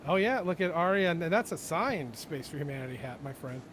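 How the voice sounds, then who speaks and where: A man's voice: on the high side, lively intonation, a little fast, fairly bright tone, a little hiss or hum. A man co-hosting a casual livestream panel, talking enthusiastically with lots of fillers and restarts. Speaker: livestream co-host.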